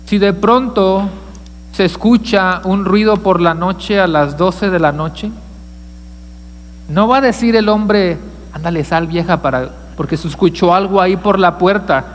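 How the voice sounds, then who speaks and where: A man's voice: sits high, a little slow, in a large hall, slight background noise. A male pastor preaching a sermon, asking the congregation questions and joking with them. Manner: asks the congregation questions, jokes with listeners. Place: church sanctuary.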